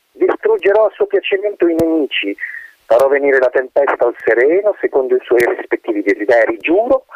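A man's voice: high voice, no echo, muffled recording, voice pushed up. Man doing a thin, whistling wind spirit. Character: imprisoned whistling wind spirit, meek and wheedling.

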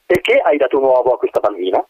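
A man's voice: medium pitch, sing-song, fast, no echo, voice pushed up. A man voicing a tall, haughty mother who speaks in an indignant, dismissive tone. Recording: dull dry recording.

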